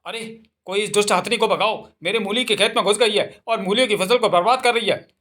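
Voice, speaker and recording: A man voicing a frantic farmer who shouts for help. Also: on the high side, animated, brisk.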